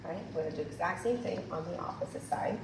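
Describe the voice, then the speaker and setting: A woman colorist races through a hands-on demonstration of a coloring technique, chatting to "you guys" in a fairly low, gravelly voice that is still recovering from being lost. The room is echoey, the mic distant, and there's noise throughout.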